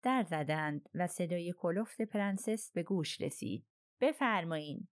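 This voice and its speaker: A woman narrating a crime novel in an audiobook with steady, even delivery. Her voice is on the low side, recorded dry and close with no room sound. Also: no echo.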